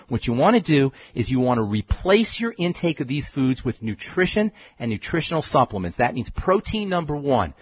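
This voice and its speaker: Male radio health host, emphatic and lecturing, lively pitch, husky edge, dry muffled sound. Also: dry recording. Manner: emphatic, lecturing, repeats key phrases. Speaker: radio show host, pharmacist. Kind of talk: call-in health radio talk.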